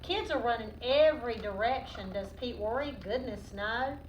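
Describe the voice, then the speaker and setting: This is a woman reading a picture book aloud as a children's lesson; she's a teacher who instructs, questions and sings her lines. Her pitch is fairly high and she speaks at a normal speed, captured by a distant mic in a roomy setting with noticeable background noise.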